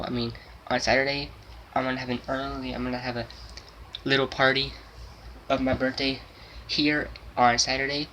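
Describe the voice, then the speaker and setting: A seventeen-year-old gaming channel host, about to turn eighteen, talks casually and unscripted to his viewers, rambling, repeating himself and restarting often. His mid-range voice is bright and forceful, and the rough recording carries slight background noise.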